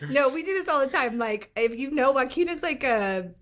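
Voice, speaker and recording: A woman's voice: sits high, animated, moderate pace. Upbeat chatty woman podcast host. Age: adult, former children's ministry leader. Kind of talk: casual podcast chat.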